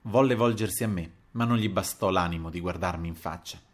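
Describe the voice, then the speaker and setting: A man reading literary fiction aloud as an audiobook narrator. His voice sits fairly low, and his delivery is measured and expressive, in the manner of a classic audiobook.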